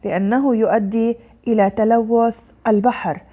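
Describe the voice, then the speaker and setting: A young woman teaching a children's grammar lesson, asking questions and answering them herself in a slow, sing-song way. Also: a little high, fairly even intonation, dark tone.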